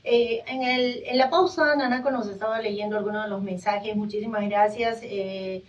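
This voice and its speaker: A woman hosts a live radio interview, mid-pitched and hesitant, often stretching fillers as she gathers her thoughts. She sits a little back from the microphone, and the studio recording sounds muffled and lo-fi. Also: fairly even intonation. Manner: hesitant, many drawn-out fillers. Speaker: radio host. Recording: dull, distant radio recording.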